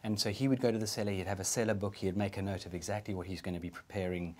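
A man's voice: sits low, fairly even intonation, rapid-fire, a little mellow. A man in his fifties speaking with prim, precise, formal enunciation, giving instructive demonstrations with short questions and commands. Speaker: etiquette expert giving a lesson. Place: wood-panelled dining room, indoors.

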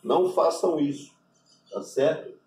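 A man with a Brazilian Portuguese accent, a rabbi giving an unscripted religious lesson, deliberate and spelling out Hebrew letters with constant tag questions. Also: on the high side, a little mellow, distant mic. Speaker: rabbi teaching Hebrew names. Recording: echoey room, voice off-mic.

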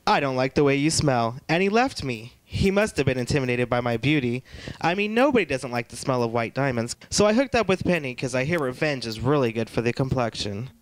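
A man's voice: mid-range voice, animated, brisk, natural voice, rough recording. A man playing a vain, catty drag queen, theatrical and self-dramatizing in a mock interview. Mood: vain, gushing. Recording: music playing behind.

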